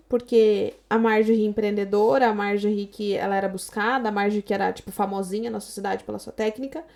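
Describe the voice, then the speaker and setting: Quick, high-voiced Brazilian woman telling stories. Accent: Brazilian Portuguese. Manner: animated, acts out quoted dialogue. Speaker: podcast guest, entrepreneur. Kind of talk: casual podcast storytelling.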